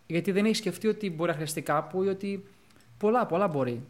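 A young man co-hosting a podcast in casual conversation, talking in animated quick bursts. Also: high-pitched. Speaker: podcast co-host.

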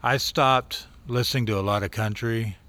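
Low-voiced man, easygoing guest. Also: fairly even intonation, moderate pace, a bit bright. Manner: easygoing, hesitant, repeats words. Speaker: touring band member, guest. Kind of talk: casual chat.

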